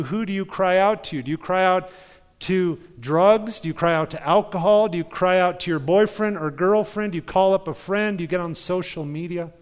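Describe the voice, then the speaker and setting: Man preaching in a ringing hall. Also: a little high. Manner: conversational storytelling with rhetorical questions. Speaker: pastor. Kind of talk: sermon.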